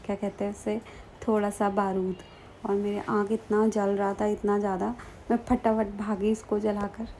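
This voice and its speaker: A woman's voice: mid-range voice, darkish tone, a little hiss or hum. A young woman from the Kumaon hills, chatting casually through her vlog narration with lots of fillers. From Kumaon, Uttarakhand. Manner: chatty, frequent fillers, laughs while telling. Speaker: vlogger.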